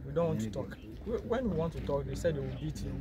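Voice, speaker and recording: A man's voice: on the high side, expressive, fast. A man from Ghana's Volta Region, a construction worker answering a street interview, hesitant and repeating his words. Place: outdoor construction site. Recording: loud crowd around outdoor interview.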